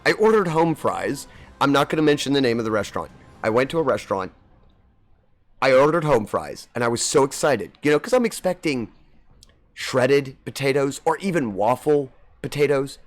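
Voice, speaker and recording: A man's voice: medium pitch, animated, moderate pace. A man streaming a game and chatting casually with viewers, his voice slightly scratchy from seasonal allergies. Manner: rambling, friendly, greets chat by name. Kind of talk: casual chat while gaming.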